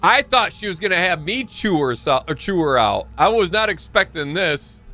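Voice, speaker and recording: A man's voice: high voice, sing-song, moderate pace, pushed and bright, soft background music. A man live-streaming a game with casual, playful commentary, reacting openly to what happens.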